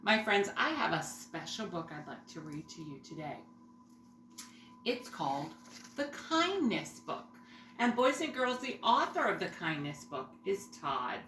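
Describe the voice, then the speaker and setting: A woman's voice: medium pitch, bright, forceful tone. A woman teaching young children, reading aloud and talking to them in simple phrases and questions. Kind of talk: singing greeting and read-aloud lesson for young children. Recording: roomy echo, faint background noise.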